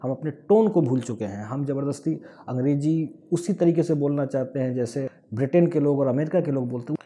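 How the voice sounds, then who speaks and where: Earnest and methodical, a speaker for a language-awareness movement walks through his points one at a time. He is a man from Bihar, India, with a Bihari accent and a brisk, mellow, mid-range voice.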